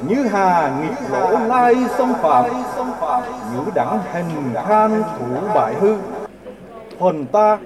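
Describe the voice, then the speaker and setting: A man's voice: high voice, animated, drawn-out words, full character voice. An actor playing a fearless captured general in a historical drama, solemnly declaiming defiance at his captors. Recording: loud crowd noise behind.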